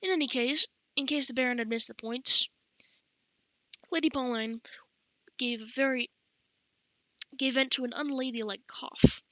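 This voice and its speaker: Bright-voiced woman reading an audiobook. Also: high-pitched, steady tone, measured pace, pauses often, no echo, low-quality recording. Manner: corrects her own reading slips aloud. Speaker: audiobook reader. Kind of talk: audiobook narration.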